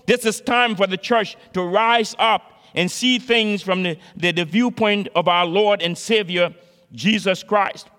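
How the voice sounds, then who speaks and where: A man's voice: sits high, a bit bright, long reverb tail. A man preaching a sermon with earnest exhortation, repeating key phrases for emphasis.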